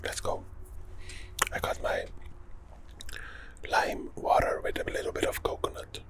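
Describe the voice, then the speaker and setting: A young man from Europe, whispering a casual, chatty ASMR talk as the host of his channel. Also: normal speed.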